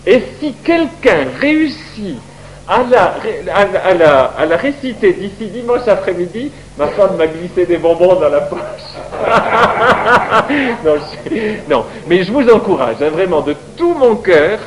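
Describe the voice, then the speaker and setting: A man's voice: high-pitched, measured pace, background noise. A man teaching the Bible to a congregation, asking them questions as he goes. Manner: lively, questions the audience.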